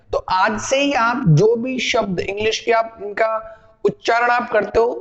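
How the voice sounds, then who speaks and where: High-voiced man teaching in a reverberant room. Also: highs cut off. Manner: explains patiently, asks and answers his own questions. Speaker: spoken English teacher. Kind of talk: classroom lesson.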